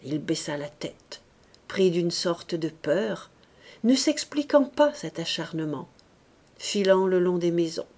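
A woman reading a classic novel aloud as an audiobook narrator, in a measured and expressive way. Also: lowish voice. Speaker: audiobook reader.

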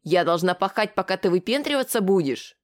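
The reader voicing a loud, furious middle-aged mother who shrieks coarse abuse in an audiobook. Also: animated, brisk, lightly acted. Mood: screaming abuse. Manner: shrill shouting.

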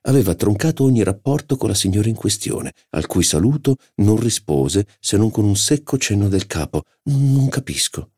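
A man reading a literary novel aloud as audiobook narrator, measured and expressive. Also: on the low side, slightly rough, no echo, clean studio sound.

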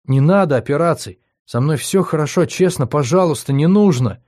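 A man's voice: a little high, lively intonation, moderate pace, a little mellow, pitched above the performer's own voice. A man reading an audiobook, voicing a cheerful but stubborn young woman patient in a raised, pleading voice. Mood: frightened, pleading.

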